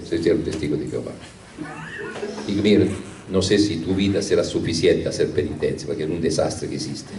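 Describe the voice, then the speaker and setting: Older priest telling stories in an echoey hall. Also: male voice, low voice. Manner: storytelling with rhetorical questions and hesitations. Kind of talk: anecdotal talk to a congregation. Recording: echoey room from a distance.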